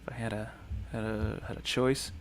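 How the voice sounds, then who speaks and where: In a casual livestream, a man in his thirties reads viewers' comments aloud in a lowish voice with little pitch movement, at normal speed. He rambles in a friendly way, frequently thanking people and peppering his talk with ums.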